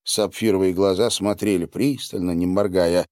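A man narrating an audiobook in a measured, expressive reading. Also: deep voice, no room sound, studio quality. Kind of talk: scripted narration.

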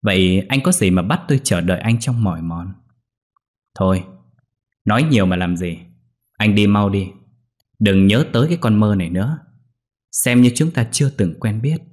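A man's voice: lowish voice, normal speed, long pauses, natural voice. A man voicing a scheming young maid who mocks her former sweetheart. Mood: mocking. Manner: mocking, clear ringing voice.

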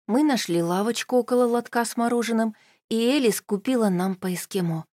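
A woman narrating an audiobook in the first person with expressive storytelling. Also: a little high, brisk, no echo, clean studio sound.

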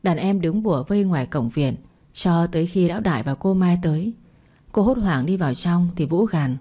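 Female narrator, low mellow husky read, one plain voice for every part. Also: expressive, normal speed. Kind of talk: storytelling narration.

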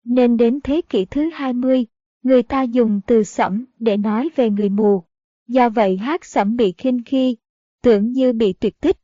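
A woman's voice: on the high side, moderate pace, no room sound. A woman reading a historical novel aloud as narrator, going steadily through story passages and endnotes. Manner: steady reading, also of notes and citations. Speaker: audiobook narrator. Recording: dull lo-fi audiobook recording.

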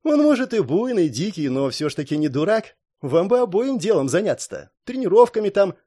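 A man's voice: high-pitched, very animated, a little fast, warm tone, pitched above the performer's own voice. A man doing a folksy rustic girl. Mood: teasing, earnest. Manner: folksy, drawls "-to" tags. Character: rustic cheerful young woman, plainspoken.

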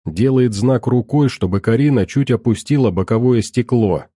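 A man reading a horror story aloud in a measured, even narration. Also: mid-range voice, slightly rough, dry recording, studio quality.

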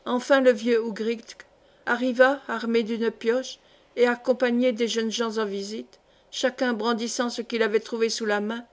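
A woman reading a classic short story aloud, narrating in a steady, measured way. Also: fairly high pitch. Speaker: audiobook reader. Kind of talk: literary narration.

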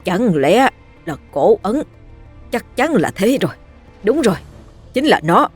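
A woman's voice: fairly low pitch, lively intonation, a little slow, a little mellow, breathy edge, faint music behind. A woman voicing an old male villain sorcerer, agitated and gloating as he speaks.

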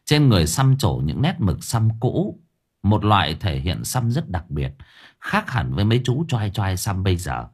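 A man narrating an audiobook story in expressive storytelling style. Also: deep voice, normal speed, slightly rough.

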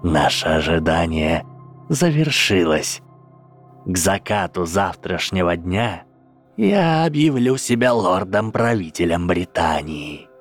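A man voicing a cold, menacing dark lord who speaks slowly in a low, deliberate voice, cruelly amused. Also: big pitch swings, faint music behind, exaggerated voice.

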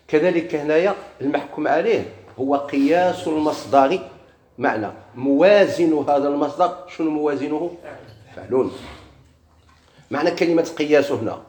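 A man's voice: on the high side, a little mellow. A man with a Moroccan Arabic accent teaching a grammar lesson, asking questions and answering them himself, repeating key words. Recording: echoey room with faint noise.

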